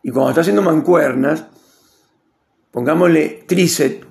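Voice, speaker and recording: A man's voice: on the high side, moderate pace, vocal fry, a little mellow. A man with a Rioplatense accent giving a rambling, opinionated casual monologue and acting out quotes. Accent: Rioplatense Spanish. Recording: echoey room.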